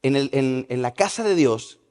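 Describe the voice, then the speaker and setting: A man's voice: mid-range voice, normal speed. Spanish man preaching in a reverberant hall. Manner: lively, asks the congregation questions. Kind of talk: sermon. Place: church service in a large hall.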